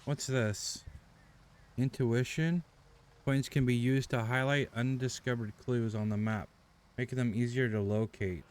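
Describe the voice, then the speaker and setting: A man's voice: medium pitch, steady tone, unhurried, darkish tone, a little hiss or hum. A man commenting casually on a game as he plays, with wry, sarcastic asides. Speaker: gamer playing and commenting.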